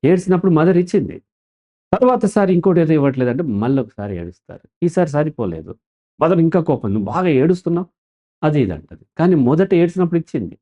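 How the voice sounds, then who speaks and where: On the high side in pitch and fast in delivery, this man comes through lo-fi sound. He speaks as the counselor guest in an interview, animated and explanatory, frequently posing a question and then answering it.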